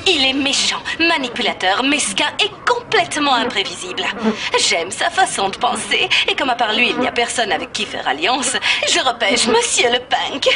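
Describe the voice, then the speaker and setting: A woman's voice: on the high side, sing-song, moderate pace. An actress playing a bossy, indignant, scheming young woman in a cartoon dub, with a demanding delivery. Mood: scornful, scheming. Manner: demanding, sharp-tongued. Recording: loud music under the voice.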